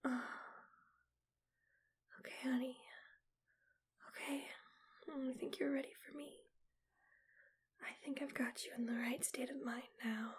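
A woman whispering slowly and teasingly in an ASMR roleplay, right up close to the mic. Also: sits high, steady tone. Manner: soft breathy whisper, slow and teasing. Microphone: close mic, right at the ear.

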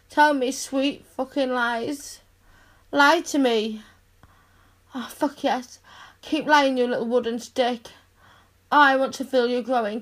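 A woman with a somewhat high voice delivers a scripted roleplay monologue. She speaks slowly and deliberately, teasing and giving orders in a dominant way. Breathy sighs and drawn-out sounds run through her speech. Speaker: audio roleplay performer.

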